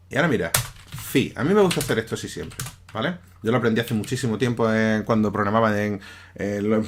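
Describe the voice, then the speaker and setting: A man's voice: fairly low pitch, a bit bright. Man teaching at a keyboard. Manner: conversational, often checks in with listeners. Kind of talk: screencast programming lesson. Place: at a computer, voice-over of a screen recording.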